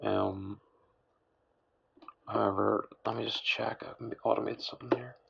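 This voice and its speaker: A man giving a casual, unscripted software tutorial in a tired, hoarse voice with a breathy rasp, halting and mumbling as he goes. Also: on the low side, little pitch movement. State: hoarse, worn-out late-night voice. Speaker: music production tutorial host. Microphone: voice-over on screen recording. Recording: dull, lo-fi voice-over.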